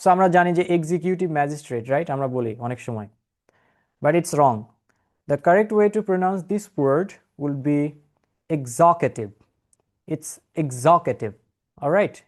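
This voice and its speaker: A man's voice: fairly high pitch, unhurried, darkish tone. A man with a Bangladeshi accent teaching spoken English in an online class, mixing Bengali and English and checking understanding often. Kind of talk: online class with screen share.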